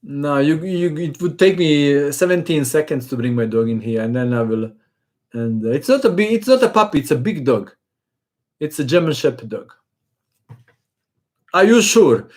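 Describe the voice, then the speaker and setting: A man's voice: on the high side, expressive, moderate pace. A man hosting a chess channel, chatting casually and jokingly as he reads out and answers viewer questions on a live stream.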